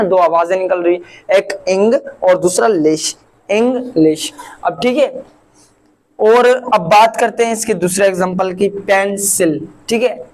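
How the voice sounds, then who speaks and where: A man from Pakistan teaching a language lesson, patiently repeating each word slowly syllable by syllable. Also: high-pitched, low-quality recording. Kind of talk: classroom-style language lesson.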